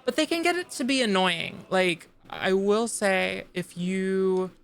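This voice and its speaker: A gravelly, mid-range female voice at a measured pace belongs to a woman chatting to her live chat as she plays a video game on stream. She rambles casually, often restarting and using fillers.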